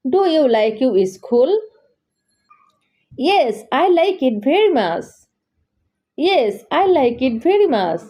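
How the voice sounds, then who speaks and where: A woman teaching English, saying each practice line twice in a slow, deliberate way for beginners. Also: high-pitched, dark tone. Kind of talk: slow repeated dialogue drills for learners.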